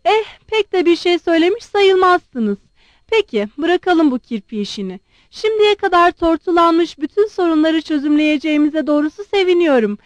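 A proud, blunt young woman fires off pointed questions in a high, bright, lively voice, voiced by a woman reading a story. The sound is dry and close. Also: dry recording. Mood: sharp demanding. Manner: sharp, demanding, quick questioning.

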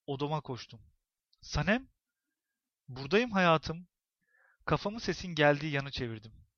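A man narrating a novel as an audiobook, in expressive, tense storytelling. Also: mid-range voice, no echo, lo-fi sound.

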